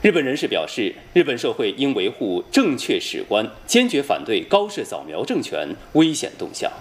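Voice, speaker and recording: A man with a standard mainland Mandarin accent reading scripted news as an anchor, formal, measured and precisely enunciated. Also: mid-range voice, huge pitch swings. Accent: standard mainland Chinese Mandarin.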